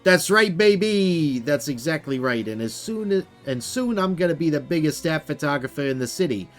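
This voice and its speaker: A man voicing a brash, fast-talking male hat photographer who flatters everyone and calls them baby, in a video game. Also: a little high, faint music behind, voice pushed up, lightly acted. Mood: pushy flattering.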